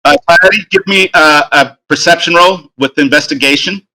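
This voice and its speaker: A man narrating as game master of a tabletop game, relaxed and full of fillers. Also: fairly high pitch, normal speed, low-quality recording.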